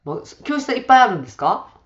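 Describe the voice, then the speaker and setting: A woman presenting a radio show in an upbeat, energetic manner and interviewing a guest. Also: a little high, racing, dull audio. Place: radio studio.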